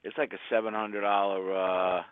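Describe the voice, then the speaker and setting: A man's voice: lowish voice, little pitch movement, moderate pace, clear, resonant tone, no echo. A man with a Brooklyn accent chats casually on a radio show in a blunt, salty way. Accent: Brooklyn New York. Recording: thin phone-like radio audio.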